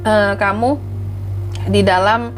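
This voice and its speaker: A woman's voice: mid-range voice, fairly even intonation, slow pace, faint music behind. An Indonesian woman with a congested, blocked-nose voice from a cold, chatting through a tarot reading as host and often adding questioning tags. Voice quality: congested, stuffy-nosed voice from a cold. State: has flu with blocked nose and sore throat, clearing throat. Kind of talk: casual tarot reading narration.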